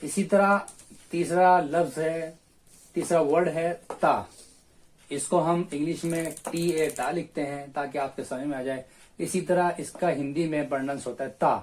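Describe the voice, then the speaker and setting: A man teaching a spoken language lesson, going slowly and deliberately and repeating each letter name several times. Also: on the high side, a little mellow, a little hiss or hum.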